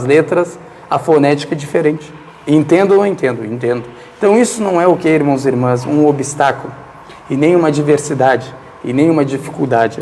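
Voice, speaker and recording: A man's voice: on the high side, a little mellow. A man whose first language is Arabic, teaching a religious lesson and constantly asking rhetorical questions that he answers himself. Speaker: Islamic teacher. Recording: long reverberant hall echo.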